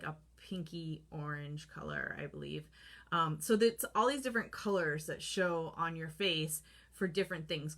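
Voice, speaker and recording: A woman's voice: lowish voice, a bit bright. A woman in her thirties talking casually to the camera about skincare, chatty and full of fillers, acting out her own reactions. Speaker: holistic skincare vlogger. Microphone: camera close up, holding products to the lens.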